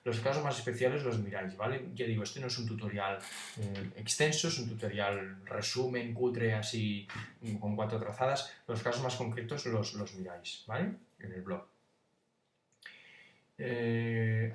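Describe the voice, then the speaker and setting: A man's voice: lowish voice, distant mic, a little hiss or hum. A man giving an informal exam-prep lesson, stopping to check in with his students at almost every step. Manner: informal, checks in with "¿vale?" constantly. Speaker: teacher. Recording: echoey room, voice off-mic.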